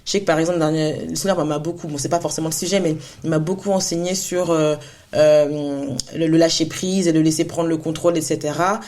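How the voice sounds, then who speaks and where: A woman's voice: sits low, steady tone, brisk, a little mellow. Earnest woman in her thirties. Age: 30s. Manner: earnest, encouraging, laughs often, many restarts. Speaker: podcast co-host. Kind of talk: casual faith chat.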